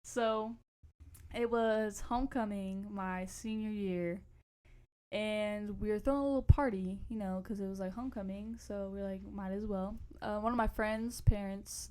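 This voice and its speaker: A woman's voice: mid-range voice, steady tone, moderate pace, dark tone, clean tone. A young adult woman co-hosting a podcast, telling stories in a casual, slangy, rambling way and often losing her thread. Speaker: podcast co-host. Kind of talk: casual storytelling chat.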